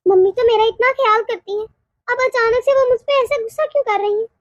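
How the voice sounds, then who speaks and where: A gentle, meek young cartoon daughter-in-law, voiced by a woman, who pleads softly in a very high voice. The sound is close and dry. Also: quick pace, no echo, muffled recording. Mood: bewildered. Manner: soft, pleading, bewildered. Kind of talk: cartoon voice acting.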